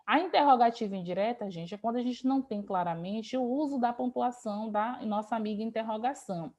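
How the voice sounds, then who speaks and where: A woman's voice: a little high, fairly quick, darkish tone, muffled recording. A Brazilian woman teacher explaining a grammar lesson over a video call, patient and repeating key points. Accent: Brazilian Portuguese.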